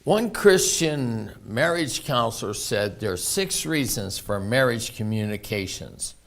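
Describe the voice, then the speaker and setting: Pastor, male, slow and gravelly, folksy storytelling sermon delivery. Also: mid-range voice, animated, a bit bright. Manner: folksy, anecdotal, laughs often.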